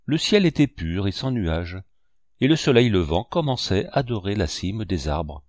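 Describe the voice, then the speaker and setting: A man reading a novel aloud with measured, expressive storytelling. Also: on the low side, no echo, studio quality. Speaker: audiobook narrator. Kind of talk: scripted audiobook narration.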